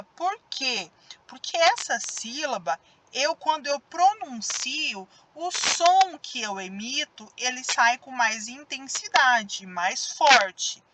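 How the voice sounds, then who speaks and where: Slow, careful Brazilian woman teacher. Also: sits high, noisy background. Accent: Brazilian Portuguese. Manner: slow, drawn-out stressed syllables when demonstrating words. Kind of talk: recorded grammar lesson for children.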